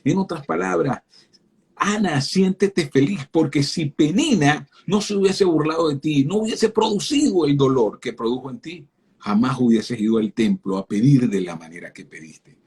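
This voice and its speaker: A man's voice: on the high side, expressive, moderate pace, a little mellow, husky. A man giving a fervent sermon-style talk as a guest speaker on a live stream, speaking directly to his listeners and often repeating words as he starts a phrase.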